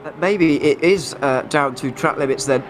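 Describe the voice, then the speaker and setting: A man's voice: fairly high pitch, normal speed, noisy background. A man with an English Midlands accent giving live commentary on a racing event. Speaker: motorsport commentator.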